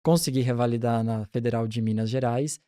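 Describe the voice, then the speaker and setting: In a relaxed, chatty interview full of restarts, a pediatric neonatologist in his forties tells the story of his career. His mid-range voice moves a little fast, and the clean studio recording has no room sound.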